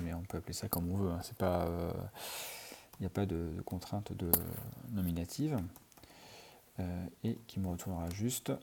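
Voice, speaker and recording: In this screencast coding tutorial, a programming tutor thinks aloud while typing, narrating his code with plenty of fillers. His voice sits low, gravelly and mellow, with slight background noise.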